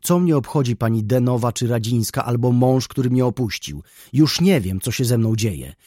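A man reading an audiobook, voicing a gentle young woman who speaks with passion and defiance about love. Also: medium pitch, lively intonation, normal speed, no room sound, studio quality, pitched above the performer's own voice, lightly acted. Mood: impassioned. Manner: passionate, pleading, rising to outbursts.

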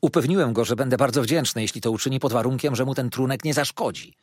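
Male audiobook narrator, husky, expressive pitch, dead-dry booth. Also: fast, no echo. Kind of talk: scripted first-person narration.

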